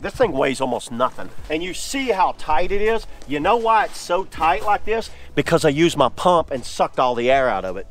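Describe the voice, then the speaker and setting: A man's voice: on the high side, fairly bright tone. A man filming his own hands-on gear demo outdoors on grass, chatty and enthusiastic, full of "like" fillers. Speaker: product reviewer. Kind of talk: casual hands-on product demo.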